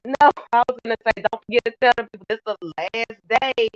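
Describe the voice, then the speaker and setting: A woman's voice: on the high side, fast talker, no echo. A woman calling in to a livestream for a casual chat, her call audio breaking up and crackling. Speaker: caller on a livestream. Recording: dull lo-fi call audio, dry, faint music behind.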